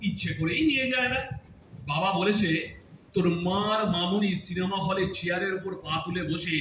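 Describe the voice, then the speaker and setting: A man's voice: sits high, normal speed, fairly bright tone. A man playing a teasing grown son. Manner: teasing, bossy, lecturing. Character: grown son Bachchu teasing his mother and aunt. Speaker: radio drama actor. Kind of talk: Bengali audio drama acting. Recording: distant echoey room with faint hiss.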